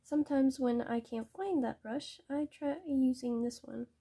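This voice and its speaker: A young woman explaining paintbrushes in a painting tutorial, hesitant and halting, often correcting herself. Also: high voice, steady tone, mellow, breathy edge. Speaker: art tutor.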